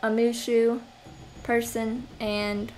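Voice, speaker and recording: Taking it slowly in a level, slightly mellow voice on the high side, a young woman plays a game in her apartment and chats casually, rambling with frequent sighs and fillers. She hosts a gameplay video; the audio is poor, with slight background noise and game music clearly behind her.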